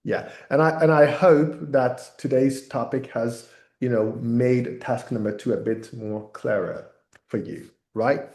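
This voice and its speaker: A man with a mellow voice teaches informally at an unhurried pace. He guides the discussion with frequent short check-ins, and the sound is roomy and echoing. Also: medium pitch. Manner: checks in often with "okay, right, yeah". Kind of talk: informal online lesson, guiding discussion.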